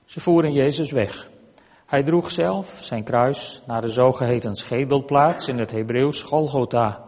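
A man giving a measured, deliberate scripture reading in a church. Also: medium pitch, a little mellow, in a large hall. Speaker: scripture reader.

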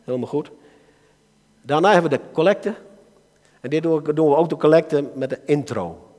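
A man with a Dutch accent preaching a sermon to a church gathering, swinging between soft asides and loud calls to his listeners. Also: on the high side, expressive, moderate pace. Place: church hall. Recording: reverberant hall.

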